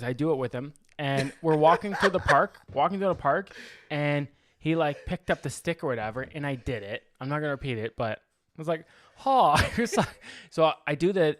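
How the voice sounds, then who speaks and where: A man rambles through a story on a casual podcast, breaking into laughter and cursing as he goes. His voice sits a little high for a man. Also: no room sound, studio quality. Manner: laughs through stories, swears a lot. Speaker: podcast co-host. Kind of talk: casual chat.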